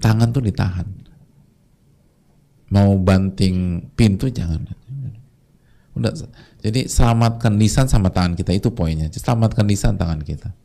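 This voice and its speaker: A man's voice: fairly low pitch, moderate pace, gravelly, pauses often, warm tone. A male preacher giving a casual, chatty sermon to a congregation, sometimes briefly mimicking the voices of his listeners.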